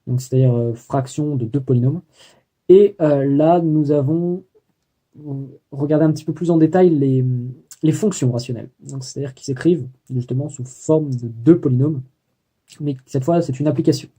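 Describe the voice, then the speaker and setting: A young adult student vlogger recaps his day for a video diary in a casual, personal way. His voice is very dark and mellow, slightly rough, and sits a touch high. He speaks hesitantly, with many fillers and frequent self-corrections.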